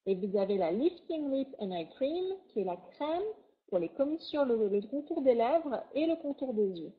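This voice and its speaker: A woman giving an enthusiastic sales presentation over slides, full of superlatives. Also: fairly high pitch. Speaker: product presenter. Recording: tinny phone-like audio.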